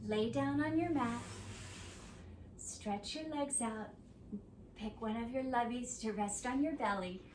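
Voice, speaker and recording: Female kids' yoga teacher, unhurried and sing-song, recorded at a distance in a roomy space. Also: on the high side, a little hiss or hum. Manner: gentle, slow, sing-song prompts to children. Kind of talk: guided kids' yoga instruction. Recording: echoey room, mic at a distance.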